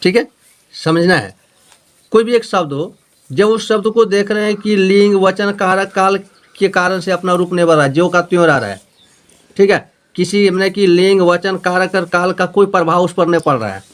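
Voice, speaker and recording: A man's voice: high-pitched, moderate pace. A man teaching a Hindi grammar lesson with a Jharkhand accent, repeating points and checking if students follow. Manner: repetitive, explaining with homely examples and checking questions.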